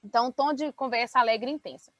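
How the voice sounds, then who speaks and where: High-voiced woman teaching sales. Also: fast, dry recording. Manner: lively, explanatory, checks in with "tá?" and "né?". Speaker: business mentor and speaker. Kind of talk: online sales training talk.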